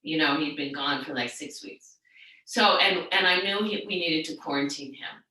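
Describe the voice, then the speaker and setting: Woman yoga teacher, middle-aged, chatty and rambling, bright voice, far from the mic. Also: low voice, moderate pace. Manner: rambling, chatty storytelling with many restarts and fillers. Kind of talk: yoga class talk and guided relaxation. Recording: very echoey room, far from the mic.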